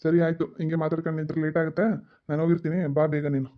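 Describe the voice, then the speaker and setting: A man's voice: fairly high pitch, completely flat delivery, very fast, highs cut off, natural voice. A man voicing a whiny henpecked cartoon father. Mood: whining. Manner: joking, whiny, pleading. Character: joking henpecked village father, complaining. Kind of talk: cartoon voice acting.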